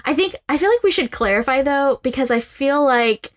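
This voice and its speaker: A young woman co-hosting a casual fan podcast, chatty and quick to laugh, with lots of fillers. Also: sits high, expressive. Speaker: podcast co-host.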